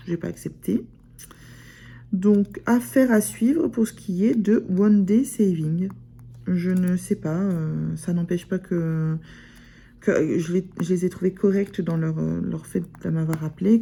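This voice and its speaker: Here a woman's fairly low, gravelly voice carries a dark tone with a breathy edge, delivered steadily at normal speed. She's a sewing vlogger from northern France with a Picard (Ch'ti) accent, chatting to camera in a rambling way full of fillers and restarts.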